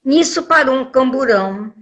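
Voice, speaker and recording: A woman, older, telling lively anecdotes as a guest in an interview. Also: high voice, moderate pace. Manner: lively storyteller, acts out quoted voices. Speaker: voice actress guest.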